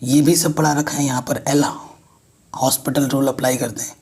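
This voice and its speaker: A man's voice: mid-range voice, little pitch movement, moderate pace, darkish tone, slight background noise. A man teaching a math lesson, explaining step by step and checking in with students often.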